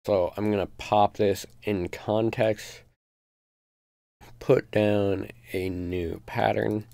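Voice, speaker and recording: A man with a deep voice that has a gravelly, fry-laden edge, walking through a beat on a live stream. He talks casually and rambles, with plenty of ums. The sound is close and dry, with no room echo. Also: flat delivery, takes it slowly, mellow. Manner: casual, loose explanations with many fillers. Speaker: music producer.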